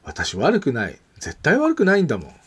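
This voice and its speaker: A man's voice: on the high side, wildly swooping pitch, fairly quick, husky, heavily acted. A man doing a stubborn little girl. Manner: pouting, insistent. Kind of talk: picture book reading.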